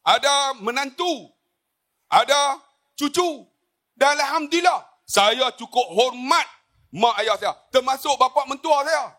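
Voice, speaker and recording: A man's voice: extremely high pitch, takes it slowly, bright, forceful tone. A man, giving a jokey religious forum talk full of stories and asides to the audience. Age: 50s. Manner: jokey storytelling, addresses the audience often. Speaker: religious speaker on a forum panel.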